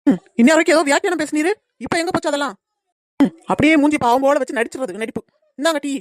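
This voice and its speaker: A woman voicing a sharp-tongued, grumbling young daughter-in-law in a cartoon comedy. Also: high-pitched, fast talker, no echo, studio quality, natural voice. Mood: snappy. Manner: grumbling, sarcastic.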